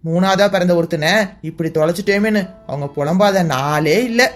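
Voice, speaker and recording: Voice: mid-range voice, normal speed, soft background music, natural voice. A voice actor playing an earnest, caring young man in a cartoon, reassuring and blunt. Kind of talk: cartoon voice acting.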